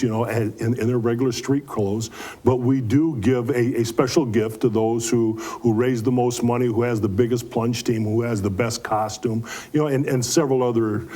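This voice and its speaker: A man's voice: mid-range voice, mellow. A man answering interview questions as a club event organizer, explaining things in a folksy, earnest way with repeated words.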